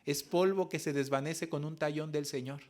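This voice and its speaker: A man preaching a sermon as pastor, telling personal stories in an earnest way that moves from soft reflection to raised emphasis. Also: fairly high pitch, steady tone, normal speed. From Mexico. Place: church service.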